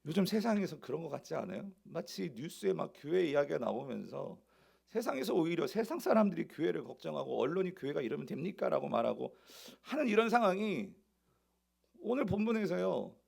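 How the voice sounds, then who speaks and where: A man's voice: a little high, very animated, a little fast, gravelly, darkish tone, breathy edge. A male pastor preaching a sermon, asking the congregation rhetorical questions.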